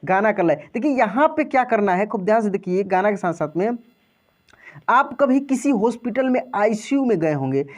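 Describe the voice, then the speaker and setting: A man's voice: high voice, expressive, normal speed. A patient man teaches a video lesson to grown learners. He repeats each point, stretches and stresses vowel sounds so they can copy him, and keeps asking whether they understand. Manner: patient and repetitive, drawing out vowel sounds loudly for practice; addresses viewers as friends and often checks understanding.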